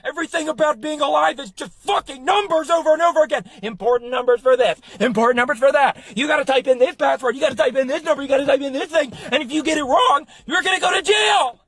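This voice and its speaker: Man, high-pitched, exasperated stand-up rant, swearing, rising to shouts. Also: fast talker, few pauses, dry recording. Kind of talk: ranting stand-up monologue.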